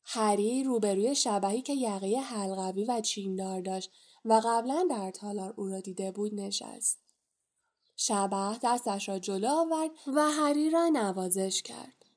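A woman reading a storybook aloud as an audiobook narrator, calm and measured. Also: mid-range voice.

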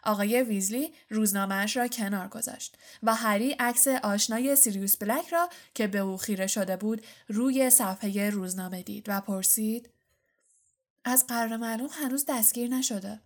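A woman narrating an audiobook in a fast, even storytelling voice. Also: medium pitch. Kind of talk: audiobook reading.

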